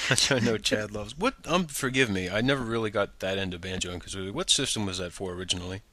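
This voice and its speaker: A man's voice: lowish voice, brisk, bright, forceful tone, no echo. A man hosting a casual gaming podcast, talking in a laid-back, rambling way with frequent ums. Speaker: podcast host.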